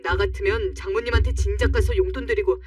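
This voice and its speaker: A reader playing a quick-tempered accusing husband. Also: medium pitch, no room sound, studio quality, far from the mic, close to an everyday voice. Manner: accusing, raised voice. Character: married man, quick-tempered and defensive husband.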